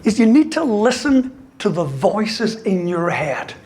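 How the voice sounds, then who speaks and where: A man's voice: high-pitched, very animated, unhurried, a little mellow, a little hiss or hum. A man giving a humorous motivational talk as a university lecturer, asking "right?" after most points. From Ireland. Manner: joking, ends lines with "right?".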